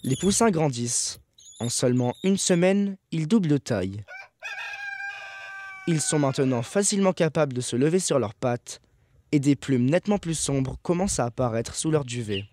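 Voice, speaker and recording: A man narrating a nature documentary from a script, in a measured, factual, observational manner. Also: medium pitch, animated, a little mellow, a little hiss or hum.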